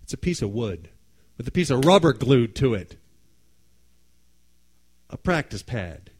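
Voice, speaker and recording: A man tells a personal story with a lively, swooping delivery. He acts out the voices of the people in it and laughs often, and his voice sits at a middle pitch. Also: measured pace, breathy edge.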